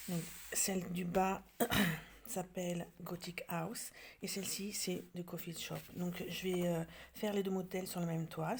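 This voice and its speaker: French woman, lowish voice, hesitant home vlogger who slips into soft near-whispers, faint hiss behind her. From France. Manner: hesitant, many fillers and restarts; drops to soft near-whispers while showing details. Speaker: craft vlogger. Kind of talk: casual show-and-tell.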